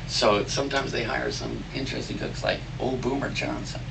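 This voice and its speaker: A man's voice: mid-range voice, fairly even intonation, normal speed, gravelly. A man reciting cowboy poetry live in a folksy cowboy drawl, telling it like a yarn with rustic grammar. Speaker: cowboy poet. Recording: distant mic, noisy live room.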